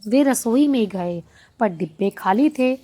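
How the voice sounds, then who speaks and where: Woman telling a devotional story, reads slow and expressive. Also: fairly high pitch. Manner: unhurried, expressive reading.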